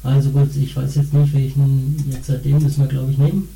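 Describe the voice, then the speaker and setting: A middle-aged father co-hosting a casual family podcast, chatty and relaxed, with fillers between his thoughts. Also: medium pitch, brisk, gravelly, poor audio. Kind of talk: casual chat.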